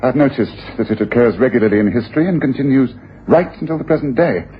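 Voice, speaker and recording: An actor playing Sherlock Holmes, a keen, knowing detective who muses and lectures precisely in a radio drama. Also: male voice, medium pitch, fast, natural voice. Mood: musing, knowing. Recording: dull, faintly noisy 1980s radio broadcast.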